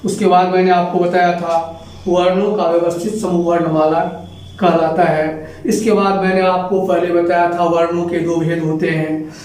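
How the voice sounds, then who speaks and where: A man's voice: high-pitched, flat delivery, normal speed, darkish tone. A man teaching children, patiently explaining and sounding out letters one at a time. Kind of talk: Hindi grammar lesson for children. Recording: echoey room, voice from far off the mic.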